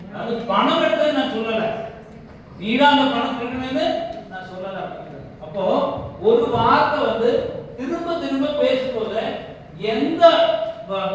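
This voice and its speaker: A woman's voice: a little high, dull audio, a little hiss or hum. A woman leading a public speaking workshop, explaining points and often checking that the room understands. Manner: explains, then checks understanding with frequent questions. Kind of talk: workshop lecture with demonstrations. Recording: echoey hall, distant mic, faint ambience.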